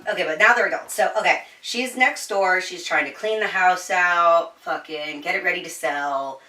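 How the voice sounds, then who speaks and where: Heard slightly off-mic in an echoey room, a woman chats through an informal book review with giggles and the odd swear word. Her lowish voice is bright and forceful, at a normal speed.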